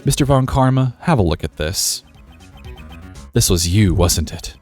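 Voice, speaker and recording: A man's voice: fairly low pitch, expressive, a little slow, darkish tone, faint music behind. A man reading as a confident young defense lawyer. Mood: accusing. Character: young male defense attorney, confident and accusing.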